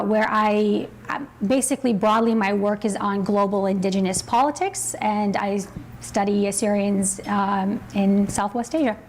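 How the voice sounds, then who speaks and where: A woman in her thirties from Iraq speaking as an academic panelist, measured and thoughtful, pausing often. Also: medium pitch. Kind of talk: live panel discussion. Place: stage before a live audience.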